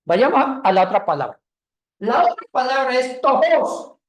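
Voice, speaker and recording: A woman leads a Bible lesson in a classroom. Her pitch jumps around a lot as she explains and jokes with the students. The room is echoey. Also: normal speed, far from the mic. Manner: lively, calls on students by name, jokes. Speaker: Bible teacher.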